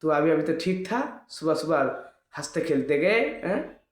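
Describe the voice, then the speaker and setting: A man's voice: fairly high pitch, expressive, measured pace. A man voicing a fussing mother who coaxes and reassures her little son in a protective tone. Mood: coaxing, worried. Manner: coaxing and protective. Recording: echoey room.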